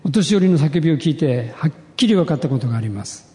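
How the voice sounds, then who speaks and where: A man, a pastor, giving an earnest sermon testimony, telling his story in a measured way with rising emphasis. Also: fairly high pitch, expressive, dark tone, big-room sound.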